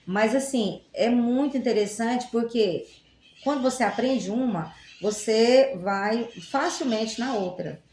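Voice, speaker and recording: This woman, a Portuguese teacher from Goiás, Brazil, appears as a guest explaining word roots in a relaxed chat. Her middle-range voice is a little mellow, echoing in a roomy space as she poses rhetorical questions and offers playful examples.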